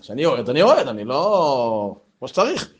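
A man, giving an informal Torah talk full of personal stories and rising to loud, animated bursts. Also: medium pitch, breathy edge, muffled recording. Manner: animated storytelling, voice swells when excited. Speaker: religious lecturer.

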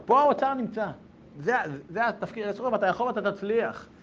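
A man teaching a Torah lesson, reading passages aloud and explaining them with loud, emphatic exclamations. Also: sits high. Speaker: rabbi teaching a class. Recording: dull lo-fi sound with faint background noise.

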